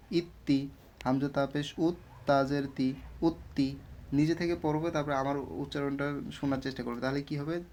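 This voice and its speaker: A man's voice: mid-range voice, a little mellow. A male teacher giving a patient Quran reading lesson, spelling out syllables one by one and often checking that the learners follow. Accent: Bangladeshi Bengali. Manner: slow syllable-by-syllable drilling, repeated check-in questions.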